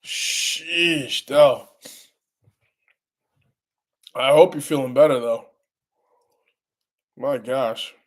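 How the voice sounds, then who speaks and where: A man's voice: medium pitch, fairly even intonation, a little mellow. A congested man hosting a casual live stream, rambling and restarting his sentences as he answers the chat. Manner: rambling, halting, many restarts.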